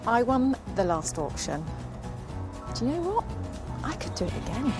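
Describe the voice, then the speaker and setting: A woman's voice: fairly high pitch, animated, moderate pace, loud music behind the voice. A woman antiques expert chatting casually on television, teasing and exclaiming. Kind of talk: casual banter.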